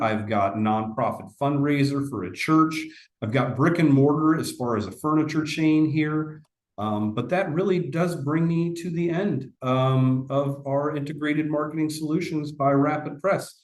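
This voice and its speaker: A man's voice: medium pitch, normal speed, echoey room. A man giving a casual, conversational sales presentation in a webinar, often restarting his sentences.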